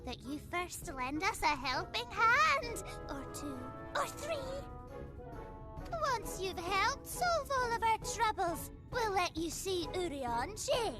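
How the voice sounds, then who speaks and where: A woman's voice: extremely high pitch, very animated, slow, heavily acted. A woman voicing a playful, mischievous pixie in a video game, with an Irish accent and a lilting, sing-song way of talking. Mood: teasing. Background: game music.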